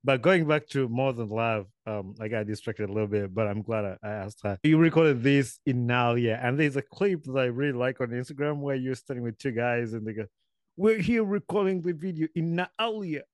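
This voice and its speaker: A podcast host with a mid-range voice conducts a casual interview over a video call, speaking fairly quickly, rambling, and correcting himself with light chuckles. There is no echo.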